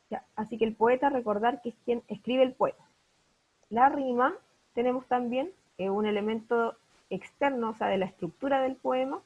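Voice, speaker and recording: A woman teaching a class over a video call, patiently asking her pupils questions to check they follow. Her voice is somewhat high and a little husky. The sound is dull and lo-fi. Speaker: primary school teacher. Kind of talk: online class lesson.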